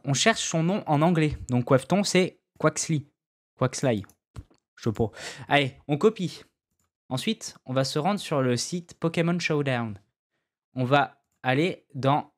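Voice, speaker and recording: A man giving a casual, slangy gaming tutorial, talking loosely with self-mocking asides. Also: fairly high pitch. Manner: loose, slangy, with many fillers and restarts. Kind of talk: casual screen-recorded tutorial.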